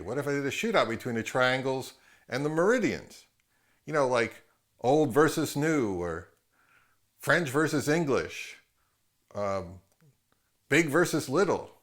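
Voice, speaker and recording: A middle-aged man with a mid-range voice hosts and narrates a product review. His delivery is conversational and musing, and he often poses rhetorical questions.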